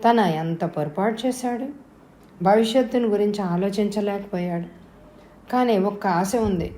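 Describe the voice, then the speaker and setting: A woman narrating an audio novel in a steady, measured storytelling voice. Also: medium pitch. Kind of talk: scripted narration. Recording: roomy echo.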